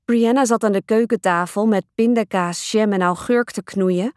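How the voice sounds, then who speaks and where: A woman narrating a children's storybook in an expressive first-person telling. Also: medium pitch, normal speed, no room sound, studio quality. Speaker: audiobook narrator. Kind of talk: storybook reading.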